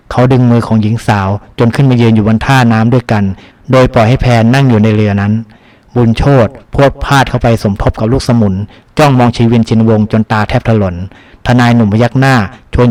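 Brief: male audiobook narrator, steady and dramatic, middle-pitched voice. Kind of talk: scripted novel narration.

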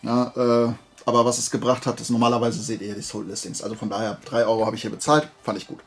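This man speaks quickly in a level, mid-range voice. Hosting a flea market haul video, he keeps things colloquial and conversational, showing off items with a keen collector's enthusiasm and answering his own questions.

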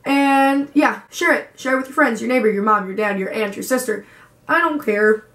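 A woman's voice: on the high side, moderate pace, a bit bright, reverberant. A young woman vlogger telling a story in a gushing way and saying "like" a lot. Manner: gushing, lots of "like". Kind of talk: casual vlog storytelling.

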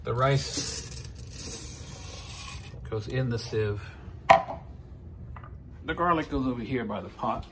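Filmed in a noisy home kitchen, this cooking video features a Peruvian host in his fifties with a medium-pitched voice. He talks slowly and pauses often. His step-by-step explanations are chatty and full of fillers and corrections.

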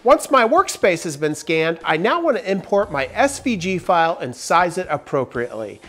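In a large workshop with wooden walls, a forties-aged woodworking host narrates a tutorial step by step through a lapel mic. His voice sits high, sounds a bit bright and very animated, at normal speed. Soft music plays underneath, and he begins sentences with upbeat emphasis.

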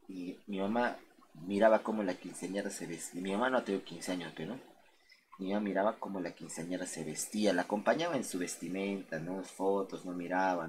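Young adult male, deep low voice, casual late-night streamer telling stories, slangy and foul-mouthed. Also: slight background noise. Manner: rambling, slangy and profane, addressing chat as "gente".

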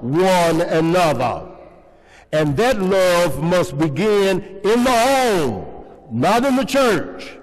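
An older male pastor with a high voice preaches slowly in a large church sanctuary, posing call-and-response questions to the congregation. His sermon is picked up by a pulpit microphone, with the long reverb of a church hall.

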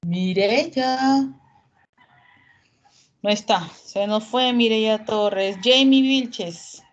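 Calling on students in an online English class, a woman teacher speaks in a fairly high voice, the audio's highs cut off. She is patient, explains slowly, and mixes Spanish and English over the video call.

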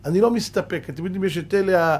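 A man who is a rabbi, giving a sermon in an emphatic preaching manner, asking rhetorical questions and sometimes bursting out loud. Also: high-pitched, husky.

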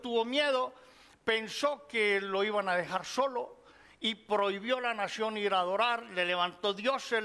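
A middle-aged man preaching a sermon, teaching from the Bible in a measured way and addressing the listeners as brothers. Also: high-pitched, sharp tone. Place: church hall. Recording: long hall reverb.

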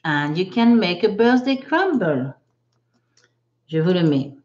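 During a live online English lesson, a woman reads out sentences from viewers' chat and corrects them with slow, careful patience. Her voice is on the low side, sing-song and darkish, with dull audio and slight background noise.

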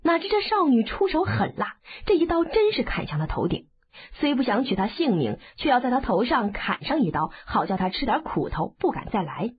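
A woman narrating a martial arts novel as an audiobook, in an expressive, dramatic storytelling manner. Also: fairly high pitch, a little fast, slightly rough. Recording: phone-like narrow band.

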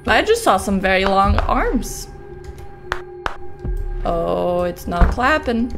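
A woman's voice: mid-range voice, big pitch swings, takes it slowly, creaky. A young woman giving casual, nervous and playful commentary as she streams a horror game, reassuring herself and swearing. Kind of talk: casual let's-play commentary. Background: game music.

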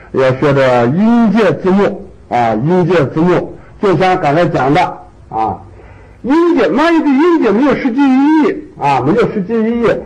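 Lively-pitched male language teacher. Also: low-quality recording. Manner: patient, repeats key points with drawn-out particles. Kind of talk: classroom lecture.

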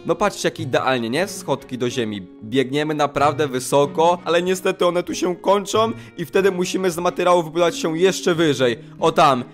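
A man's voice: a little high, normal speed, hardly any pauses, faint music behind. A man giving theatrical game commentary, self-pitying and talking straight to his viewers. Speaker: gaming video creator.

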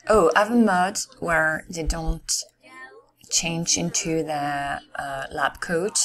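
A woman narrates a video game in a low, hoarse voice that is partly giving out. She takes her time, speaking slowly and casually, musing aloud as she plays. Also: fairly even intonation, a bit bright. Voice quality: somewhat hoarse. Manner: unhurried, musing aloud to herself. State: losing her voice. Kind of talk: casual let's-play commentary.

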